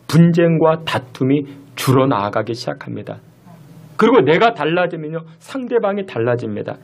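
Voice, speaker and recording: A middle-aged man preaches a sermon as a church pastor. His voice sits a little high, and his pitch swings widely as he tells a story. He keeps turning to the congregation and speaking to them directly.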